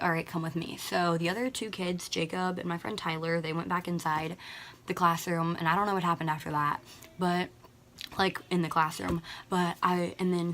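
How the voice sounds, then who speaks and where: A woman's voice: fairly low pitch, fairly bright tone, slight background noise. A teenage girl telling a storytime on her vlog, rambling and full of "like" and slang. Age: teens. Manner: rambling, heavy use of "like", slangy. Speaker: vlogger. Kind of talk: casual storytime.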